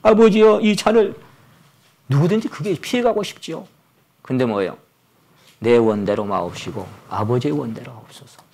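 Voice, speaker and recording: A man's voice: medium pitch, moderate pace, vocal fry. A man in his sixties preaching a Sunday sermon at a church service, telling stories and acting out the voices of the people in them. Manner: animated storytelling, acts out quoted voices. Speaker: pastor.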